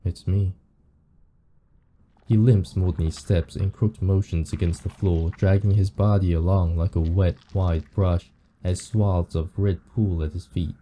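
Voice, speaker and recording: A man reading the lines of a weary, morbid undead painter from a visual novel, slowly and somberly. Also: sits low, steady tone, mellow, slight background noise. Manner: slow, somber reading of game text.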